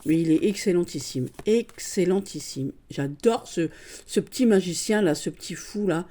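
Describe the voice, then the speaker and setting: Gushing middle-aged woman with a mellow voice. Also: fairly low pitch, expressive, moderate pace. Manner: gushing, chatty, full of "voilà" and "hein". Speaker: card-deck collector vlogger. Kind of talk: casual show-and-tell chat.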